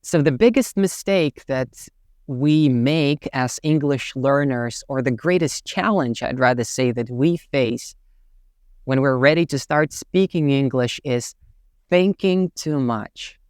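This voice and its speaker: An English teacher and channel host, a young man from Tatarstan, muses to camera about learning English with a Russian accent and plenty of "you know" and "right." His mid-range voice is slow, slightly mellow, clear and resonant. The sound is clean studio audio with no room sound.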